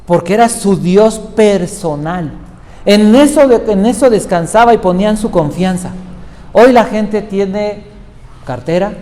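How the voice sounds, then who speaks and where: Male pastor, mellow voice, lively sermon with questions, reverberant hall. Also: high voice. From Mexico. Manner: animated preaching, asks the congregation questions. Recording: reverberant hall with faint noise.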